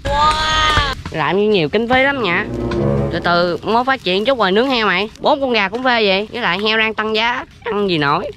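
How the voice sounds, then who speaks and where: A woman's voice: medium pitch, animated, brisk, a bit bright, slight background noise. A woman co-hosting a casual outdoor cooking vlog, teasing and ribbing her friends. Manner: teasing, sarcastic. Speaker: vlog co-host. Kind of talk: casual banter. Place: outdoors in the countryside.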